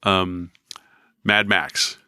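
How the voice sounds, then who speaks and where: A man in his fifties with a very low, bright, crisp voice talks in a loose, rambling way, pausing with lots of ums. The sound is dry and close, like a studio mic. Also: steady tone, dry recording. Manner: rambling, hesitant with many ums. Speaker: podcast co-host. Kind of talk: casual podcast chat.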